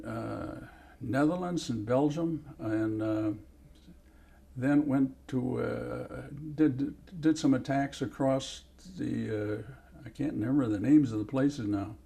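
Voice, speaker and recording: An elderly man, a war veteran, recalling in a halting oral history interview, often pausing to search for names and places. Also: medium pitch, vocal fry, dark tone, husky. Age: older. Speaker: World War Two veteran.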